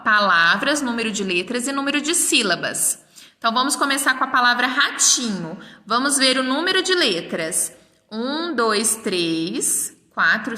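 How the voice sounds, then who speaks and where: A woman's voice: fairly high pitch, pushed and bright. A woman teaching a primary school class remotely, speaking in Brazilian Portuguese, patiently sounding out and counting words for young children. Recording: roomy echo, mic at a distance.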